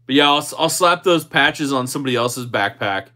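A man with a medium-pitched voice hosts a casual livestream. He reads out and answers comments in a relaxed, conversational way, joking as he goes. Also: moderate pace. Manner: jokey, easygoing. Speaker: livestream host.

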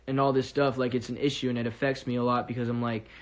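A man's voice: mid-range voice, flat delivery, fast. A man talking earnestly to his fans in a casual livestream monologue, rambling and restarting his sentences, recorded on a phone.

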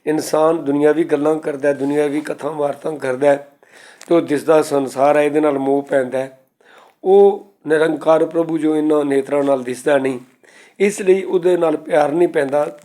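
Male preacher, warm mellow tone, slow verse recitation followed by plain explanation. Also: fairly high pitch. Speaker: Sikh preacher. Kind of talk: scripture exposition sermon.

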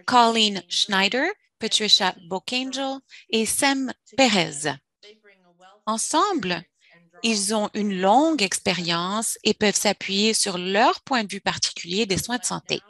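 A woman working as a simultaneous interpreter, giving a formal, measured French rendering of a webinar presentation with uneven phrasing. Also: medium pitch, expressive, pushed and bright.

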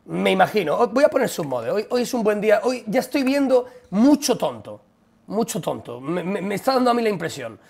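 A young man with a Spanish accent from Spain talks straight to his live-stream audience. He rants bluntly and profanely, with rapid-fire delivery and a slightly raised pitch. His voice has a gravelly, creaky edge. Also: sing-song, a little mellow. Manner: blunt, profane, exasperated ranting. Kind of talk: casual live-stream chat ranting at viewers.

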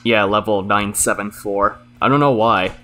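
A man's voice: on the low side, steady tone, moderate pace, fairly bright tone, soft background music. A young man hosting a casual let's-play with friends, laid-back and guiding the others. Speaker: gaming channel host.

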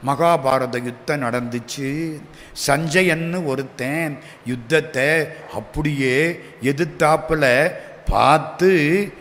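A man's voice: medium pitch, fairly bright tone. A man giving a devotional speech, telling a saint's story, asking questions and answering them himself and acting out the lines of the people in it. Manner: acts out the dialogue of the figures in his stories. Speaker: devotional speaker. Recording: long hall reverb.

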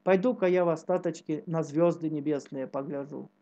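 A meek, tender elderly nun, read out by a storyteller. The voice is soft and mellow and stays close to the reader's own. The recording is dull and lo-fi. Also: mid-range voice, moderate pace, natural voice. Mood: sorrowful.

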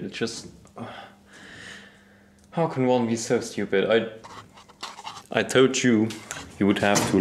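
Low-voiced young man. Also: slight background noise. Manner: self-critical, explaining as he works. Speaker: hobby boatbuilder. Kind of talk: casual workshop vlog. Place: indoor garage workshop. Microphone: action camera, handheld and set down. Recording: roomy workshop echo, faint music.

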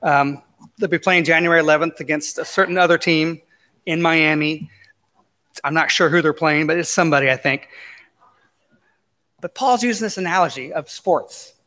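A man's voice: on the high side, moderate pace, pauses often, sharp tone. A man preaching a conversational sermon as pastor, telling folksy stories with casual asides. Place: church sanctuary. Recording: long reverb of a church sanctuary.

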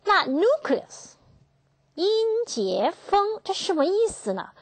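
A woman teaching English phonetics in a classroom lecture, asking her students questions and slowly repeating each key term. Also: extremely high pitch, very animated, no echo. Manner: slow, drawn-out, repeats key terms, asks students questions.

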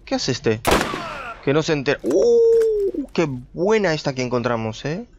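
A man's voice: medium pitch, big pitch swings, moderate pace, lo-fi sound, noisy background. A young man giving casual gameplay commentary, chatty and thinking aloud as he plays, talking to his viewers. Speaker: gameplay streamer.

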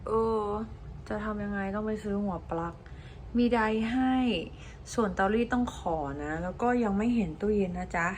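A woman's voice: medium pitch, moderate pace. A young woman chatting casually to her viewers while she films her travels, talking straight to camera with chirpy asides. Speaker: travel vlogger. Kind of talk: casual travel vlog chat. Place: hotel room and city streets and stations. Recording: noisy handheld travel recording.

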